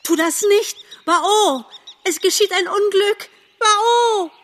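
A woman's voice: medium pitch, moderate pace, a bit bright, natural voice. A woman voicing a panicky young female deer who shrieks and cries out, in a storybook reading. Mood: shrieking panic.

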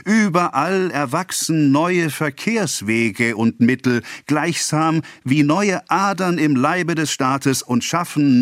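A man voicing a pompous male government official, declaiming a speech slowly and loudly in an audiobook reading. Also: fairly high pitch, no echo, studio quality, pitched above the performer's own voice. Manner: declaiming, slow and loud.

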